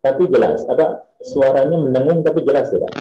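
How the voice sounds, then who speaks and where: A man's voice: mid-range voice, fast talker, muffled recording, a crowd in the background. A man hosting a video call whose audio echoes, drones and breaks up. He welcomes people and reads out participants' names. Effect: echoing, droning, breaking-up call audio. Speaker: online meeting host. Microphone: computer or phone on a video call.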